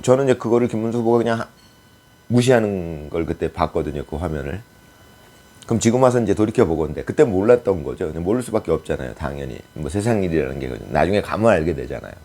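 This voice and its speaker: Guy with a deep mellow voice rambling through political commentary, lots of ums and pauses. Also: animated. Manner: musing and speculative, with frequent hesitations and fillers. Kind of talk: casual political commentary monologue.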